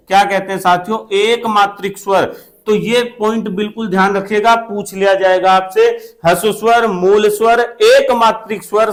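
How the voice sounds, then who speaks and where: A male Hindi grammar teacher with a high voice runs an exam-prep classroom lesson, delivering it steadily. He drills repetitively, asking questions and answering them himself. He keeps checking in with "theek hai na."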